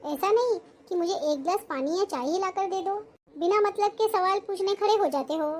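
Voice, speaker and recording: A woman's voice: extremely high pitch, moderate pace, a little mellow. A woman voicing an arrogant, scornful young daughter-in-law in a cartoon-style family drama, always complaining and snapping back. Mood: irritated. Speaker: schoolteacher character.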